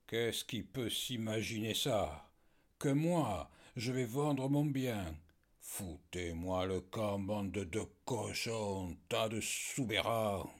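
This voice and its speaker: Guy putting on a wild hermit poacher, yelling, louder and higher than the narrator. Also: fairly even intonation, moderate pace, few pauses, close to an everyday voice. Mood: furious. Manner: shouting, insulting. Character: furious wild poacher man, hermit in a tree.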